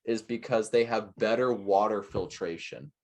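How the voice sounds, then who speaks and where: A young man co-hosting a casual podcast, chatting in a rambling, self-mocking way and quick to joke. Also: lowish voice, slight background noise. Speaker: podcast co-host. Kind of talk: casual chat.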